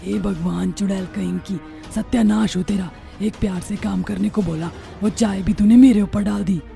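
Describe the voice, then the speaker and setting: Woman voicing a gravelly old witch mother-in-law, bossy, taunting, dark-toned, cartoon, soft music behind. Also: mid-range voice, fairly even intonation, normal speed. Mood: angry. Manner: scolding, taunting. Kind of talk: cartoon voice acting.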